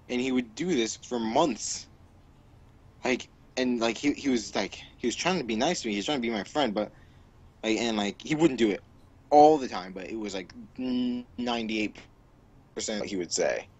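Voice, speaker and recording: A man's voice: medium pitch, husky. A man on a casual podcast, rambling through a story with lots of fillers and restarts. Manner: rambling, filler-heavy, with frequent laughs. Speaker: podcast co-host.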